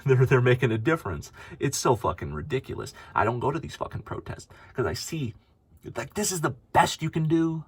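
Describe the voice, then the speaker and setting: A man's voice: mid-range voice, breathy edge, no room sound. A man delivering an angry, profane, preachy monologue rant. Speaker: radio monologue host. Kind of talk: ranting monologue.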